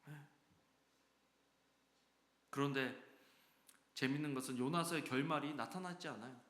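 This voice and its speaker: A man preaching a sermon as pastor, lively and acting out quoted voices with sudden swings between loud and soft. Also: medium pitch, a little slow. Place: church sanctuary. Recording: echoey church hall.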